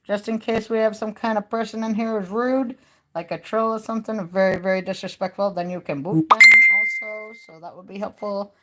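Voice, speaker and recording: A woman's voice: mid-range voice, steady tone, fairly quick, slight background noise. A woman chatting casually on a live stream and talking straight to her viewers in a folksy, easygoing way. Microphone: phone.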